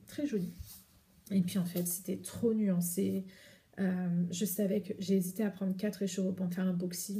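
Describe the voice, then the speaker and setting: French woman rambling about yarn on her podcast, gravelly and mellow, lots of ums. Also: medium pitch. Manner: chatty, rambling, many hesitations. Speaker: knitting podcast host. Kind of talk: casual chat showing yarn to camera.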